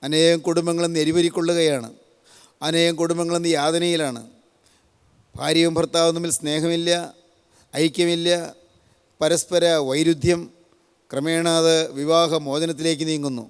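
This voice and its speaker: Older man preaching, smooth clear voice, steady flat delivery, repeating phrases, reverberant hall. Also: a little high, moderate pace, pauses often. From Kerala, India. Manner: solemn, repetitive, builds lists of parallel phrases. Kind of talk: sermon.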